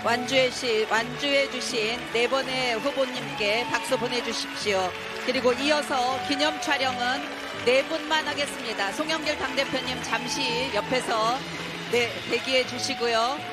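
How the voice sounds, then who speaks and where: A high-pitched voice hosts a formal ceremony from the stage, giving polite, ceremonious announcements. Loud music plays all around the voice. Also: steady tone, unhurried. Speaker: ceremony host.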